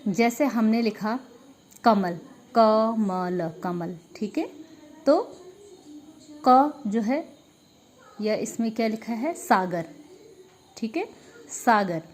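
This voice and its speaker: A school Hindi teacher, a woman with a somewhat high voice, leads her class through a grammar revision lesson, speaking slowly with frequent pauses over slight background noise. She is patient, poses questions and answers them herself, and keeps repeating the filler "ठीक है".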